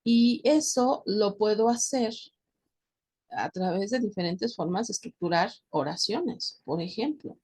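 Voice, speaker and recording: A woman's voice: medium pitch, animated, measured pace, darkish tone, slightly rough. A woman with a Mexican accent teaching a recorded lesson, explaining patiently and checking in with her students as she goes. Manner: addresses students directly. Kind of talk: recorded class lecture.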